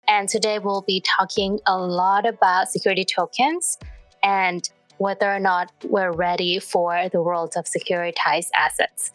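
A woman's voice: mid-range voice, fairly bright tone, dry recording. Woman co-host, dry close sound. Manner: friendly, laughs often, asks questions. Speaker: podcast co-host. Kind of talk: interview hosting.

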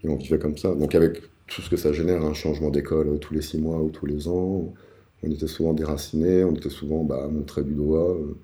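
A man in his forties from the Paris suburbs, telling his life story as an interview guest, halting often with fillers and restarts. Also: very deep voice, flat delivery, dark tone. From Paris suburbs, France. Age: 40s. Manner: hesitant, many fillers and restarts.

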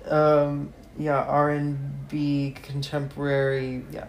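A woman co-hosting a casual podcast, relaxed and often chiming in to agree. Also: deep voice, slow pace. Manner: relaxed, agreeing, lots of "mm-hmm" and "yeah". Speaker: podcast co-host. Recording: roomy room, faint noise.

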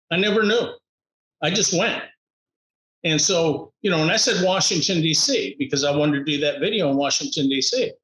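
A man, a podcast guest, telling his travel stories in an upbeat, animated way, laughing often and acting out the voices of people he met. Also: on the high side, reverberant, rough recording. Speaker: podcast guest, motivational speaker. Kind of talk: animated storytelling in conversation.

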